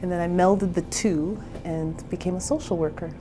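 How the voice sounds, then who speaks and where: A woman's voice: fairly low pitch, fairly even intonation, normal speed, noisy background. A woman in her forties from Canada, a therapist and entrepreneur, telling her own story in a candid, chatty interview. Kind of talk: personal interview.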